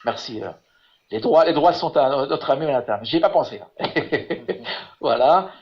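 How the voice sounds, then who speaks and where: A man teaching Hebrew in an online lesson over a video call. He talks haltingly, repeating words and filling with "voilà". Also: on the high side, lively intonation, creaky. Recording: muffled lo-fi web call audio.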